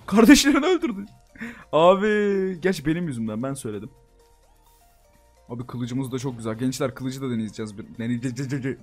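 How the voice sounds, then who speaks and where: A young man giving casual, excitable commentary as he plays a game and talks to his viewers. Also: fairly high pitch. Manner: excitable, talks to viewers as "gençler", frequent laughs and exclamations. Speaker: gaming YouTuber. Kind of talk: casual Minecraft let's-play commentary.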